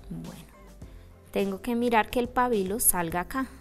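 A woman teaching a step-by-step craft demonstration, checking in often with a quick "ready?" between steps. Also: medium pitch, soft background music. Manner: checks in with a frequent "¿listo?". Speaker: craft instructor.

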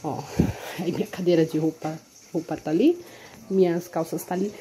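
A woman's voice: fairly low pitch, steady tone, normal speed, dark tone, a little hiss or hum. A young woman with a Brazilian Portuguese accent, chatting casually in a home vlog, recorded on a phone held at arm's length in a small room. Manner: chatty, with many tag questions like "tá?" and "entendeu?". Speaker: vlogger and mother.

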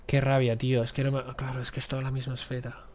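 A man's voice: mid-range voice, completely flat delivery, racing, darkish tone. A man giving casual let's-play commentary on a strategy game, muttering to himself and cursing at the game. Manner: talks to himself, grumbles and curses at the game. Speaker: gaming YouTuber.

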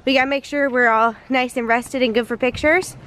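A woman's voice: high-pitched, fairly even intonation, a little fast, a bit bright, a little hiss or hum. A young woman vlogging on a family trip, coaxing her toddler along in an upbeat way. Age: young adult. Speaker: vlogger mom. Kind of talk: casual family vlog. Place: resort pool and hotel hallway.

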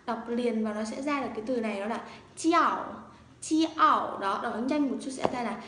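A woman teaching Chinese pronunciation in a Vietnamese accent, repeating each phrase slowly and explaining mouth positions. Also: on the high side. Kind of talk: pronunciation lesson. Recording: echoey room with faint noise.

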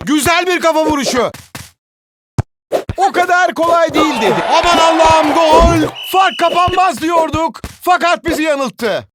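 High-pitched screaming football commentator. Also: male voice, expressive, heavy background noise. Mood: keyed-up. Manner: shouted exclamations, drawn-out goal calls. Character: excitable male football match commentator in an arcade video game.

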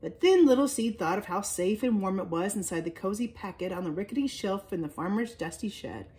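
A woman leading children's chapel, reading a children's story aloud with lively storytelling emphasis. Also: mid-range voice, fairly quick.

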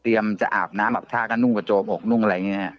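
A man casually telling a ghost story on a live show, halting and often repeating his words. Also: fairly low pitch, steady tone, lo-fi sound. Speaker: guest storyteller.

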